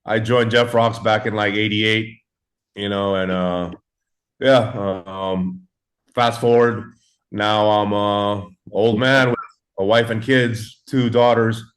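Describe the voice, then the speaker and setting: Here a fortysomething LA-raised guest spins a laid-back yarn packed with fillers and swearing. He speaks slowly, in a fairly low voice with mostly level intonation.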